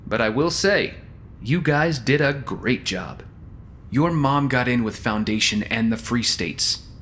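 A man playing a calm, self-assured villainous schemer in an audio drama, talking in a smooth, persuasive, condescending way. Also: medium pitch, a little hiss or hum, natural voice. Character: calm, self-assured male schemer defending his ruthless plan. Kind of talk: scripted audio drama acting.

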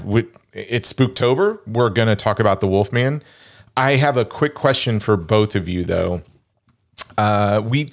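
A man hosting a podcast, chatting in a casual, jokey and rambling way. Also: fairly low pitch. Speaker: podcast host. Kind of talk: casual chat.

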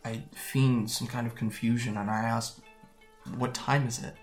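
An actor playing a guarded young man from Japan, quietly recounting how he fled home in an audio drama. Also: mid-range voice, level tone, soft background music, natural voice. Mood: somber. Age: young adult. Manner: soft, hesitant storytelling with halting restarts. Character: young man, guarded and wry, recalling his escape. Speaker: interviewee.

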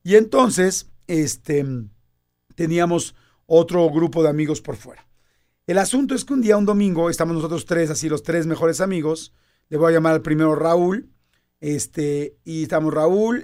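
A Mexican man in his fifties telling a personal story in casual conversation, animated and acting out quoted dialogue. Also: a little high, moderate pace.

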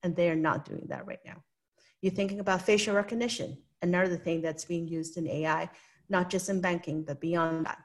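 This woman's pitch is fairly low and her intonation fairly even, and she talks a little fast. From Hong Kong and speaking Hong Kong English, she's an interview guest offering earnest explanations while often asking "right?"

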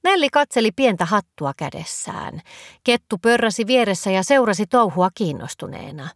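A woman reads a children's story aloud in a gentle, expressive voice. Her mid-range pitch rises and falls in a lively way, carrying the storytelling along. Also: no room sound.

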